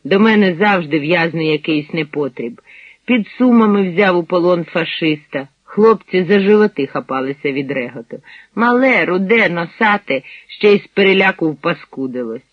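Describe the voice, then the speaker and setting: A small, chilled young soldier, read by a man, who grumbles in a wry, complaining way. The voice is husky with lively pitch. It is dry and close. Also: normal speed, dry recording, muffled recording. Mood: grumbling.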